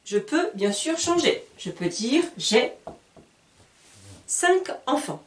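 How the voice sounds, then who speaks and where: Slow, lively-voiced teacher woman. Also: high voice. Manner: spells words letter by letter and repeats examples. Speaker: French teacher. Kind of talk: slow, careful lesson for beginners. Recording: roomy sound, voice a bit far from the mic.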